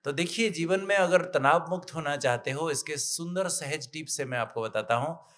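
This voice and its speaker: A middle-aged man delivers a spiritual talk on stress, voicing each character of a folk tale with sudden, excited raised lines. His voice sits a little high for a man. He keeps the tone lively and encouraging throughout. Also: moderate pace. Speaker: doctor giving a spiritual health talk. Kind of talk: storytelling motivational talk.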